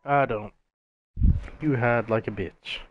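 A man's voice: mid-range voice, slow pace. Brash trash-talking gamer guy. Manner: brash, profane, mocking. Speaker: gamer streaming with friends. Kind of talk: casual trash talk over voice chat. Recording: dull lo-fi gaming mic, faint hiss.

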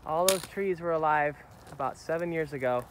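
Holding his phone camera on a family outing along a forest trail, a playful, encouraging American dad in his thirties narrates and chats casually. He speaks at normal speed in a voice on the high side, and the outdoor audio is noisy.

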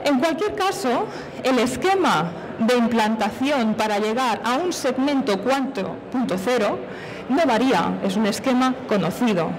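A middle-aged industry speaker presents technical material on a conference stage, walking through it step by step and answering questions she raises herself. Her voice is on the high side, animated and unhurried, captured from a distance in a low-quality recording with slight background noise.

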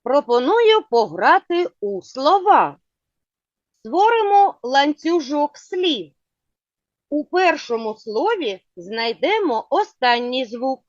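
A woman teaching a children's phonics lesson, asking patient, clearly spoken questions. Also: sits high, big pitch swings, takes it slowly, no room sound. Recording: dull lo-fi sound.

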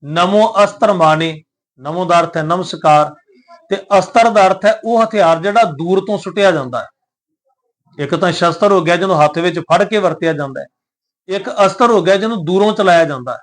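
A man teaching scripture, who chants verses slowly and deliberately and then explains them word by word in a reverent, polite manner. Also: sits high. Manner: devout and reverent, addresses listeners politely.

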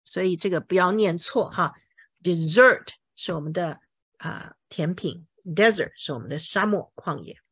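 A woman teaching English words to a class, asking questions, drilling each word slowly and saying OK a lot. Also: lowish voice, a bit bright, slightly rough. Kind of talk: bilingual vocabulary lesson to a class.

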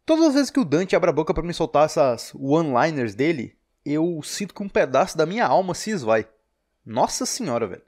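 A Brazilian man narrates a scripted, comedic game critique. His fairly high voice swings animatedly as he delivers sarcastic, exasperated remarks. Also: sing-song, fairly quick, darkish tone, faint music behind.

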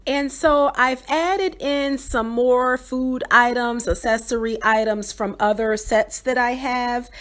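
A woman with a slightly high voice narrates a doll-toy unboxing review. She sounds cheerful and enthusiastic, describing each piece in detail with the odd "um" and "like". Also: steady tone, takes it slowly, few pauses, a bit bright. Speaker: doll channel host.

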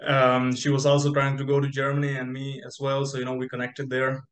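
A man's voice: mid-range voice, completely flat delivery, brisk. Young man rambling on an echoey call. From Spain. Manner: rambling, many fillers and restarts. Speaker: interview guest. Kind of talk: casual video-call interview. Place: bright room indoors. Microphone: video call. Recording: echoey room on video call.

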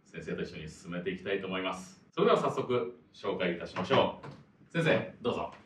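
Low-voiced man teaching voice. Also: very animated, brisk, echoey room, recorded from a distance, noisy background. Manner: polite, explanatory, frequent fillers. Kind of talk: explanatory lesson.

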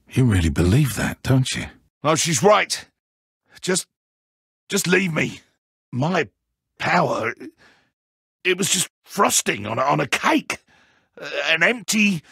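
The Admin, a raspy, theatrical game villain. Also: male voice, mid-range voice, fairly bright tone, no room sound, studio quality, exaggerated voice. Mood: resigned, guilty. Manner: melodramatic, drawn-out, emphatic. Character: petulant, theatrical male villain stripped of godlike powers. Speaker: video game voice actor. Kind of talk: dramatic animated game acting.

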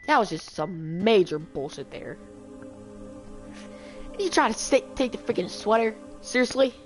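A young woman streams her gameplay with casual, frustrated commentary, rambling and swearing over the game music. Her mid-range voice is expressive and moves at a moderate pace.

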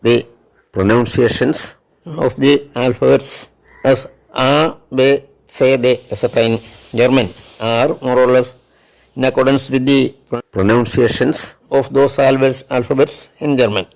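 A man's voice: medium pitch, steady tone, extremely slow, creaky, darkish tone. A man with a Malayali accent teaching a language lesson, spelling out words letter by letter. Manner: spells out letters one by one, switching between Malayalam and English. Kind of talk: slow spoken lesson.

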